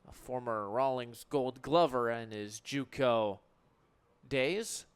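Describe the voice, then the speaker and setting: Calling a baseball game live on radio, a man speaks in short, punchy bursts that build on the big moments. His mid-range voice is slow and smooth.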